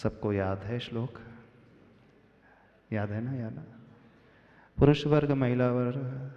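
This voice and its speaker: A man gives a sermon at an unhurried pace, asking his listeners questions and teasing them with gentle humor. His voice rings with a long reverb in a large temple hall. The recording is dull and lo-fi. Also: mid-range voice, creaky. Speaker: Jain monk preacher. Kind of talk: sermon to a live congregation.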